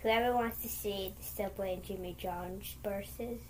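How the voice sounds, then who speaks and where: A young woman, the host's younger sister, chatting casually, goofy and loud with sudden screams. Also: medium pitch, steady tone, moderate pace, low-quality recording. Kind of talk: casual chat.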